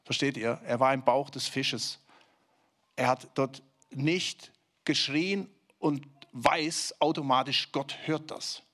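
A man preaching a sermon in a conversational way, asking listeners direct questions and dropping low and slow for emphasis. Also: fairly bright tone.

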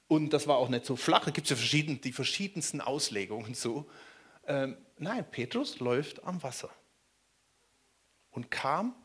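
A man from Germany preaching a sermon in a lively way, often turning to ask his listeners questions. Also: on the high side, husky. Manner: animated, asks the listeners questions.

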